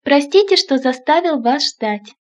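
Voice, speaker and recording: Female phrase reader, high voice, measured delivery. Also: animated. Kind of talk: phrasebook reading.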